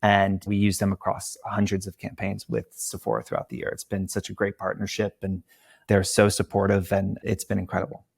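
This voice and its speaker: A man's voice: sits low, a little fast, vocal fry, breathy edge, dry recording, studio quality. A man from Georgia, a company founder talking as a podcast guest, telling stories animatedly and acting out quotes. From Georgia, USA. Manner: animated storyteller who acts out quotes. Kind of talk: casual interview talk.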